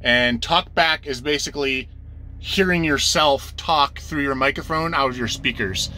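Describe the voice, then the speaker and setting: A trucker with a medium-pitched, bright, forceful voice speaks a little slowly from his truck cab, on a low-quality recording with slight hiss or hum. His tutorial is casual and hands-on, and he goes over his instructions again step by step as if showing a newcomer the ropes.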